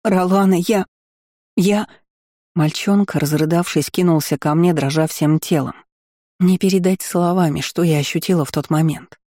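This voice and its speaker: A man narrating an audiobook in an expressive reading. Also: fairly high pitch, normal speed, dry recording, clean studio sound. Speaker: audiobook reader. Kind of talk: scripted narration.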